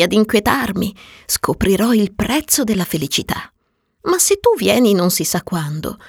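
A woman voicing a gentle, lonely, wistful female fox in a storybook reading, soft and patient, sometimes whispering, on a dry close mic. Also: medium pitch, breathy edge, dry recording, pitched above the performer's own voice.

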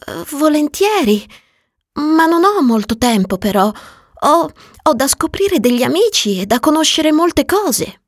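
A woman's voice: sits high, sing-song, measured pace, dry recording, clean studio sound, voice pushed up, full character voice. Woman doing a curious little boy prince. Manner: eager, wondering questions. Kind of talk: storybook reading.

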